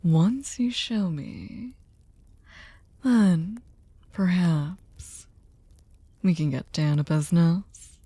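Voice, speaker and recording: A woman's voice: on the low side, very slow, pauses often, mellow, breathy edge, dry recording, full character voice. A woman playing a sadistic, seductive aristocratic vampire in an ASMR audio drama, teasing and mock-polite, often slipping into a whisper. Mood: polite, insistent.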